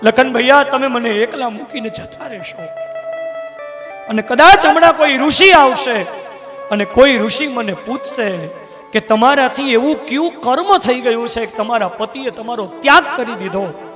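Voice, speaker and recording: A man voicing a gentle, motherly queen who has been wronged, speaking with tender, tearful questions. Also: very high voice, expressive, a little slow, over music.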